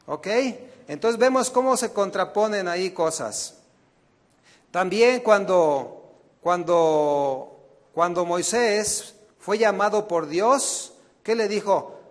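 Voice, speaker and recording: A man preaching a sermon as pastor, firing questions at the congregation and swinging between loud emphatic peaks and quiet asides. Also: high voice, expressive, takes it slowly, in a large hall. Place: church.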